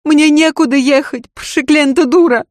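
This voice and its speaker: A woman's voice: moderate pace, dry recording, clean studio sound, lightly acted. A woman voicing a proud, bitter, volatile noblewoman who screams and sobs in outbursts. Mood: hysterical. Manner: shrill, screaming, sobbing outbursts.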